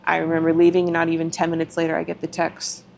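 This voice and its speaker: Low, gravelly and darkish, her voice runs fast and monotone, with a little hiss or hum on the recording. On a podcast she recounts her life frankly and emotionally, voicing earlier conversations and swearing now and then.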